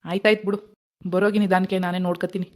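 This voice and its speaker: A performer voicing a gentle, doting grandfather who soothes a crying baby in an animated family drama. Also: mid-range voice, very fast, close to an everyday voice. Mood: easygoing.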